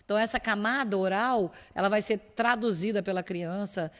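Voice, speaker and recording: A woman's voice: mid-range voice, fairly quick. Brazilian woman lecturing in a reverberant hall. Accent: Brazilian Portuguese. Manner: explanatory, many rhetorical questions and tag "né". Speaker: university lecturer. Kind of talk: academic lecture.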